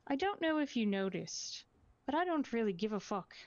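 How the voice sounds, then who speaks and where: A woman's voice: a little high, sing-song, moderate pace, lo-fi sound. A woman chatting casually as a player in a tabletop game.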